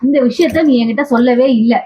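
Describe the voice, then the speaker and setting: A woman's voice: sits high, fast, warm tone, slight background noise. A woman vlogger in a heated confrontation, pleading and accusing, who keeps repeating the other person's name. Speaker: vlogger in a staged argument. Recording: dull lo-fi sound.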